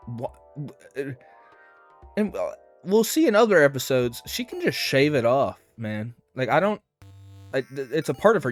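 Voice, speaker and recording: A man giving a casual, rambling commentary review of a cartoon episode, with lots of fillers and hedges. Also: mid-range voice.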